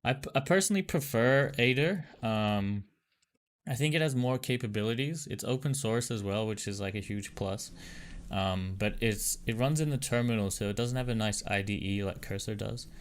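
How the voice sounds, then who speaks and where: A man hosting a livestream over a headset mic, chatting casually and loosely with lots of fillers as he greets viewers and tests software. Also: lowish voice, normal speed, a little hiss or hum. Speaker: livestream host. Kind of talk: casual livestream chat while testing software.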